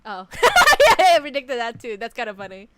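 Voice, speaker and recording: Brief: playful Indonesian-accented woman streamer, high and animated, casual game commentary. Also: fast, very noisy. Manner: playful, excitable, swearing banter.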